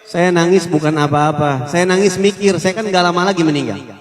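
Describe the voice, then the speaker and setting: A man's voice: sits high, fairly quick, pitched below the performer's own voice, natural voice. A man preaching who voices a grieving, modest young woman near death, in a plain earnest storytelling tone. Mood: sorrowful, pleading. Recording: long hall reverb.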